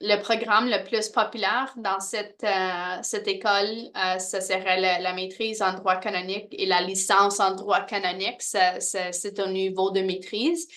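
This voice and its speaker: A woman presenting university programs to prospective international students, pausing often with fillers and restarting phrases. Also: medium pitch, level tone, fairly bright tone. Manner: hesitant, many fillers and restarts.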